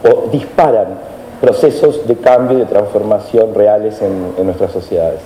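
A man's voice: on the low side, normal speed, dark tone. A man with an Argentine accent, a lecturer thinking aloud on a panel in a discursive way, often adding tag questions. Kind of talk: reflective panel talk. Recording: echoey hall with faint noise.

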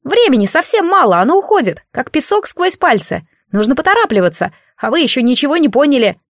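A mischievous little god in a boy's shape, put on by a woman reader, raising the voice high above her own and talking in a petulant, teasing rush. It sounds knowing and older than its size. The recording is close and completely dry. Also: very animated, dry recording. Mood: indignant. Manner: petulant, teasing, quick, grown-up under a child's voice. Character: cheeky shape-shifting child god, boyish, grumpy. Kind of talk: audiobook character voice.

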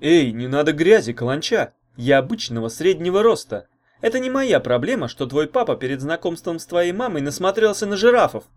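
A man reading an audiobook, voicing a sharp-tongued teenage girl witch with an indignant, cutting way of talking. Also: on the high side, lively intonation, moderate pace, lightly acted.

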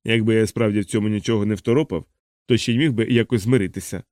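A grumpy engineer grumbles in irritation, his voice mellow and low-key, as a man reads him in an audiobook. The sound is dry and close. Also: fairly even intonation, quick pace, no echo, lightly acted. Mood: grumbling. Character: grumpy, frustrated male engineer.

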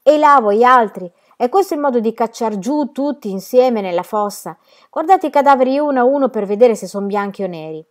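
A woman reading aloud as a rough, bullying armed guard, calling out commands. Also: medium pitch, expressive, a little fast, close to an everyday voice. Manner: shouted, commanding.

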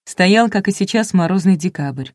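A woman's voice: on the low side, animated, normal speed, darkish tone, dry recording, studio quality. A woman narrating a first-person audiobook in a wry, ironic storytelling manner.

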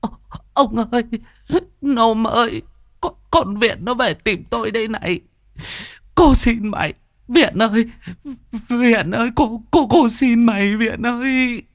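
A man's voice: extremely high pitch, unhurried, no echo, clean studio sound, pitched above the performer's own voice. A man voicing a terrified old village grandmother in a ghost story, stammering and wailing her pleas. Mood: frantic wailing.

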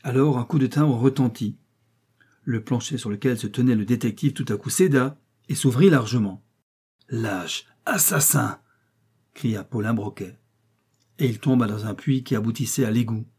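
A man narrating a classic adventure novel as an audiobook, in dramatic, measured storytelling. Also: mid-range voice, warm tone, husky. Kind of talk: scripted narration.

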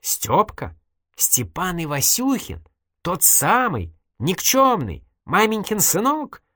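A man's voice: mid-range voice, big pitch swings, moderate pace, fairly bright tone, dry recording, clean studio sound, pitched above the performer's own voice. A reader voicing an evasive, wisecracking male journalist in an audiobook, ironic and mock-innocent. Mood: wry. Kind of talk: audiobook character voice.

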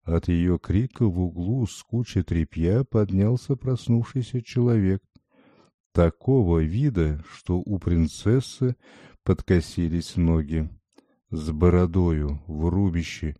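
A man reading a fairy tale aloud in a measured, dramatic way, scripted storybook narration. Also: sits low, mellow, no echo. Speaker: audiobook reader.

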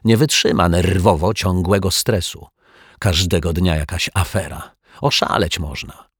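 Low, husky man reading a children's story. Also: measured pace, no echo, clean studio sound. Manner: steady, gently expressive reading. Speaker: narrator.

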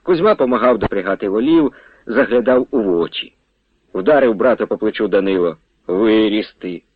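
A man narrating a written story in a steady storytelling read. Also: fairly low pitch, fairly quick, slightly rough, dry recording. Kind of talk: scripted narration. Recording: tinny dry radio recording.

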